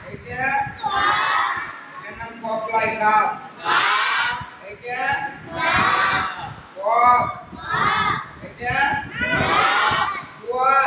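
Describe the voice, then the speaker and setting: A man teaching Arabic pronunciation in a madrasa classroom, quizzing pupils on letters and drawing out sounds slowly. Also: very high-pitched. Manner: drills letters with questions, slow drawn-out sounds. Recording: echoey classroom from far off, noisy.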